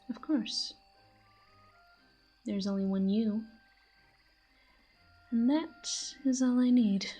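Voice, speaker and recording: Teasing and smug, a woman voices a possessive fantasy villain who flirts with the listener in a roleplay audio drama. She speaks intimately. Her mid-range voice is warm with a breathy edge.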